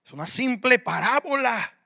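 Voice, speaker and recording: A man preaching a sermon as pastor, moving between loud emphatic passages and quiet asides. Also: extremely high pitch, expressive, moderate pace, creaky, dry recording, studio quality.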